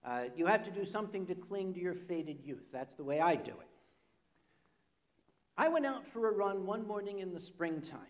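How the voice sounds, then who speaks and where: A man's voice: sits high, darkish tone. An older man telling a comic story on a convention stage, rambling and self-mocking with humorous asides. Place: convention stage before an audience.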